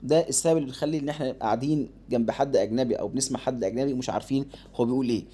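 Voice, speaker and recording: A man with an Egyptian accent teaching English phonics, explaining fast and then modeling words slowly. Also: mid-range voice, warm tone. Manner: shifts between rapid explanation and slow drawn-out modeling of words.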